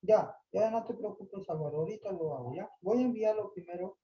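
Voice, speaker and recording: A man's voice: high-pitched, a little fast, warm tone, muffled recording, slight background noise. A man teaching a math class online, explaining patiently, repeating points and checking that students follow.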